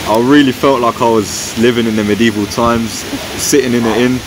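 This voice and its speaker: A young man hosting a history video channel chats casually to the camera and a guest outdoors in a park, with park noise and distant traffic around him. His mid-range voice is steady and a little fast.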